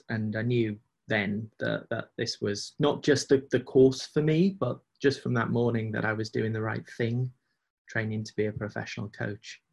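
A man's voice: on the low side, gravelly, darkish tone, breathy edge. A man in casual, reflective conversation as an interview guest, speaking hesitantly and often repeating phrases as he goes. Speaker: podcast guest, agile coach.

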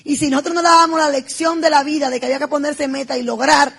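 A woman's voice: sits high, fairly even intonation, fast talker, gravelly, fairly bright tone. A middle-aged woman from the Republic, telling a heartfelt personal testimony in an emphatic, repetitive storytelling manner. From Dominican Republic. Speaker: business speaker.

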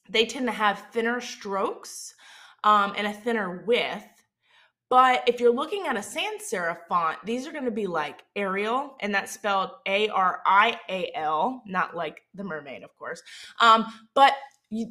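Bright-voiced woman with a Southern Mississippi accent. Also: medium pitch. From Mississippi, United States. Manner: informal, explanatory, often checking in with "okay?" and "right?". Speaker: host of a branding and marketing show. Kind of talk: conversational instructional podcast.

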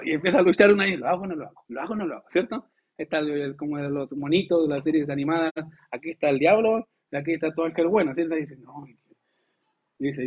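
A pastor delivering a lively, conversational sermon, asking the congregation rhetorical questions and acting out quotes. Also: male voice, on the high side, husky. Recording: tinny phone-like sound.

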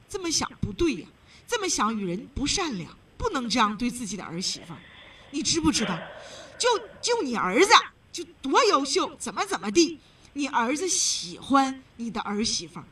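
Woman radio host, high and lively, bright sharp tone, blunt scolding, a bit off-mic. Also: husky, recorded from a distance. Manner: blunt, scolding, emphatic lecturing. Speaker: radio call-in advice host. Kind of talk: call-in radio advice.

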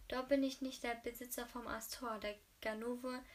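A woman's voice: a little high, flat delivery, normal speed, natural voice. A woman voicing a brooding male gangster and hotel owner, read aloud with slips and restarts, recorded from a distance with faint hiss. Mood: earnest.

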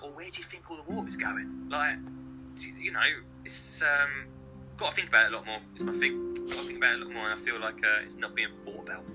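A man hosting a casual chat, talking in a relaxed, rambling way with many fillers. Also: medium pitch, poor audio. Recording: guitar music clearly behind.

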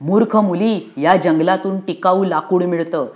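A woman's voice: fairly low pitch, unhurried, natural voice. A woman voicing a harsh, bossy male timber contractor in a storybook reading, barking orders at the villagers. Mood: scornful.

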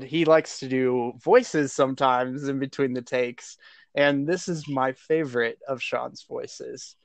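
A man hosting a podcast in a relaxed, chatty way. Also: a little high, no room sound. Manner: relaxed, chatty, laughs easily. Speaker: podcast host. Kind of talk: casual chat.

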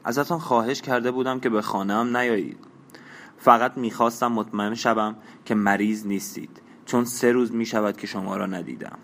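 A man's voice: fairly low pitch, steady tone, fairly bright tone. A man reading the part of a proud, ambitious young actress who speaks sharply and impatiently in an audiobook. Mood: cold.

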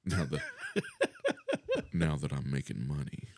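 A man's voice: rumbling low, huge pitch swings, takes it slowly, slightly rough. A middle-aged man chatting casually as a podcast guest, laid-back and profane, laughing often.

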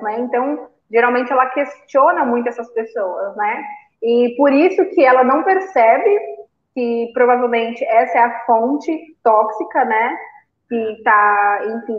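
A woman in a casual chat, speaking thoughtfully with hesitant fillers. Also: high voice. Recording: dull, echoey lo-fi recording.

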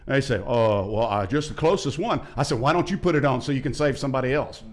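A man preaching in a talk show, fiery and emphatic. His voice sits in an ordinary middle range but leaps up loud when he drives a point home. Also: mid-range voice, expressive, fast. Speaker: pastor. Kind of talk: preaching in a podcast discussion.

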